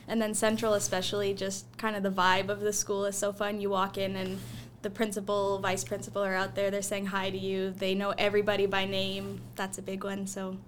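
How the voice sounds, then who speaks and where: A teenage girl from Canada answering interview questions briefly and plainly. Her intonation stays very flat, and there is faint ambience behind her. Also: medium pitch, slight background noise. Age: late teens. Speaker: graduating student guest.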